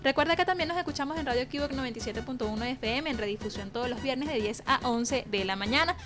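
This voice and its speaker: A Venezuelan woman hosts a radio program and wraps up the show in quick, lively patter. Her voice sits a little high and the words tumble out fast. A faint music bed plays beneath her. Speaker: radio host.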